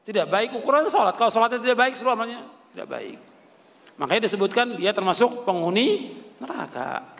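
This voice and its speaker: A man's voice: high-pitched, expressive, a little fast, creaky, a bit bright. An older man preaching a religious lecture, posing rhetorical questions and answering them himself, repeating key phrases. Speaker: Islamic preacher. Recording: reverberant hall.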